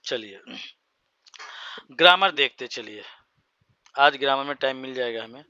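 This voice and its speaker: A man teaching a spoken English class for Hindi speakers, explaining words slowly and spelling them out. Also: medium pitch, animated, pushed and bright, clear, resonant tone, dry recording, muffled recording.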